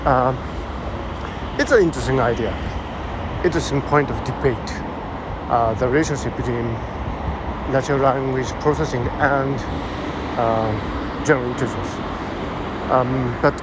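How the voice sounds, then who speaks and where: A vlogger with a Japanese accent and a medium-pitched voice muses aloud while walking down a busy city street. His monologue is thoughtful and halting, full of fillers, with loud traffic behind him.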